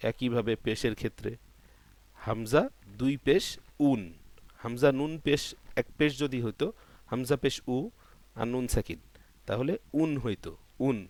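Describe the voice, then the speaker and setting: A man with a Bangladeshi Bengali accent teaching Quran reading, explaining each point step by step and spelling out letter sounds slowly and repeatedly. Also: medium pitch, dry recording. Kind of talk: patient spoken lesson.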